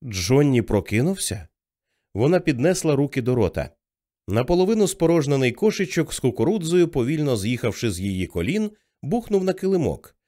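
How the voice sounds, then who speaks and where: Expressive male audiobook narrator. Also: fairly high pitch, brisk. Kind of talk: scripted narration.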